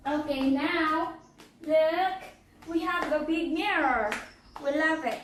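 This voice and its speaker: Walking through a house, patio and indoor rooms alike, this Filipino woman narrates a casual vlog tour in a high, somewhat hoarse voice, pausing to clear her throat. She talks haltingly and chattily, often repeating herself. Distant miking gives the audio an echoey, noisy feel.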